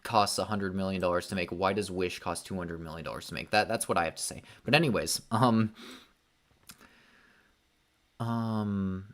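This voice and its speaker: A man's voice: low voice, normal speed, long pauses, a bit bright. A young man hosting a casual livestream, rambling through opinions with many ums, likes and restarts. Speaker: livestream host.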